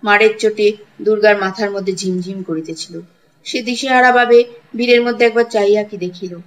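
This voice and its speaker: A woman reading a classic story aloud with expressive delivery, voicing each character's lines in a quarrel. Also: medium pitch, a little fast, poor audio. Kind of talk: dramatic storybook reading with voiced dialogue.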